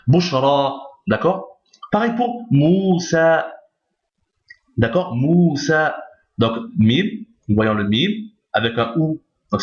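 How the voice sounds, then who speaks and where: A man teaching how to read Arabic in a recorded lesson, patiently repeating each point and checking that his listeners follow. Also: mid-range voice. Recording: echoey, dull lo-fi recording.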